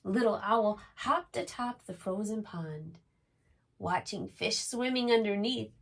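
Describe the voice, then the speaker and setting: Reading to little ones at a preschool storytime, this woman speaks in a mid-range voice and takes her time. She's expressive and keeps turning questions to the children.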